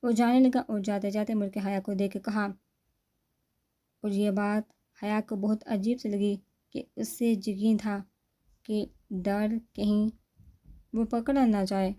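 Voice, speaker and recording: A woman narrating a romance novel aloud at an unhurried, steady pace. Her tone is mellow and dark, and her pitch stays level with little movement. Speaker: novel reader.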